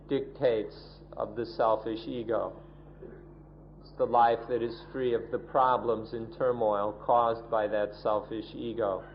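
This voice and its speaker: A man renders a sermon in English with calm, even phrasing, moving through lists one item at a time. He speaks very slowly, and the old recording is dull with a light hiss. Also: mid-range voice. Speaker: interpreter of the sermon.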